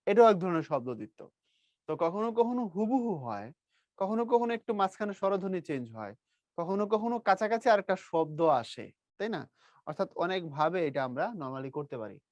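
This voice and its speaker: A man teaches a grammar lesson, his voice pitched a little high. He teases and quizzes his students as he goes. The sound is dry and close, with no room around it. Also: no room sound. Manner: lively, teasing, quizzes students.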